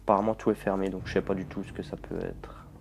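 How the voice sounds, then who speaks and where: A man's voice: low voice, flat delivery, fast, vocal fry, a little mellow, slight background noise. A young man giving jumpy, swearing let's play commentary to his viewers. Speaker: gamer.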